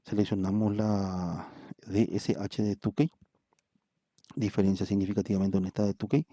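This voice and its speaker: A man's voice: on the low side, steady tone, moderate pace, mellow, no echo, clean studio sound. A man, a psychometry professor, giving a recorded statistics lecture. He explains patiently, repeats words and checks in with "¿verdad?" often.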